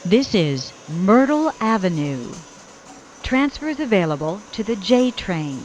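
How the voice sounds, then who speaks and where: A woman's prerecorded train announcements, made of spliced-together phrases with station names joined in, spoken in a measured, evenly spaced way. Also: mid-range voice, very animated, a little hiss or hum. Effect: spliced-together recorded phrases, station names joined in. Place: inside a subway train car. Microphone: recorded announcement played over the train PA. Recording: dull lo-fi onboard speaker.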